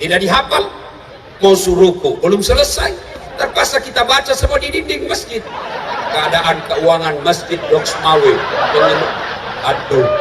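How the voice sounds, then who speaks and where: A man preaching a humorous sermon to a crowd, telling stories with shouted punchlines and frequent laughter. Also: high voice. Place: large hall with an audience. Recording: echoey hall, voice from far off, crowd noise.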